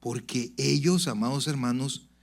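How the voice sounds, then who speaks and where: A man preaching a sermon to his congregation, swinging from loud emphatic peaks to low confiding asides and calling out "brother" to the listeners. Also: steady tone, unhurried, vocal fry. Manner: addresses the congregation directly, "brother". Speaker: pastor. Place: church sanctuary.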